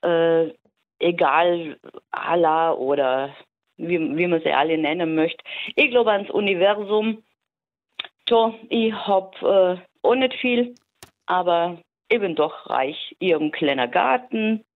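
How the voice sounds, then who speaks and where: A woman calling in to a radio show, calm and easygoing, often restarting her sentences. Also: lowish voice, slow. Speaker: caller. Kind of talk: casual phone-in chat. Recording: tinny phone line.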